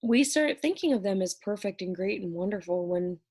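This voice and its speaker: A woman's voice: mid-range voice, lively intonation, normal speed, darkish tone, breathy edge. A woman instructor talking through an exam review lecture in a conversational way, checking in often with "right?".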